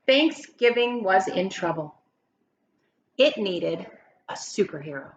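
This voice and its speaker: In a rough recording, a woman with a mid-range voice reads a children's picture book aloud slowly and with animation. Like a teacher, she phrases things emphatically and dramatically and puts questions to her audience.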